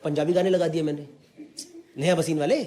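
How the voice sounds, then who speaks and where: A young man from Delhi NCR performing an animated stand-up set, chatting directly with a live audience. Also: fairly high pitch, a little fast. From Delhi NCR, India. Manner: animated, chatty, keeps addressing the audience as brother. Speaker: stand-up comedian. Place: comedy stage before a live audience. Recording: echoey live venue, crowd noise.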